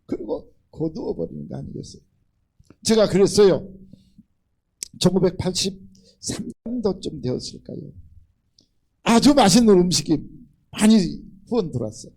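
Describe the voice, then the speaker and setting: An older male pastor preaches in an animated way, his voice pitched high and swooping widely. There is a gravelly fry in his tone, and he acts out the voices of the people he quotes. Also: moderate pace, pauses often, poor audio. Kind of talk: sermon. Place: church sanctuary.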